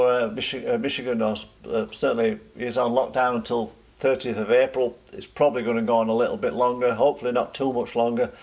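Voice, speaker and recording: A man's voice: mid-range voice, a little mellow. A man presenting an informal instructional running vlog in an encouraging, explanatory coach's way.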